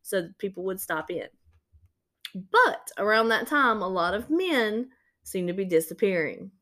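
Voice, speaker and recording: A woman's voice: medium pitch, sing-song, a little slow, a bit bright. Chatty woman retelling an old legend. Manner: rambling, filler-heavy retelling. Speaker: podcast co-host. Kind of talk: casual storytelling chat.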